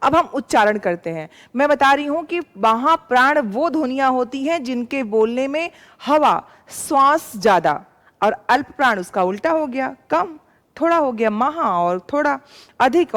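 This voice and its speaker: A woman teacher giving a patient classroom lecture, sounding out letters slowly and calling her students "beta". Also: high-pitched, expressive, a bit bright, in a large hall.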